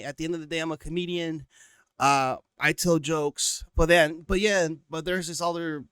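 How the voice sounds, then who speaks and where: A man's voice: on the high side, fairly bright tone, clean tone, no room sound. Man, casual commentary, sarcastic, stumbling repeats, dry mic. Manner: halting, repeats words, sarcastic.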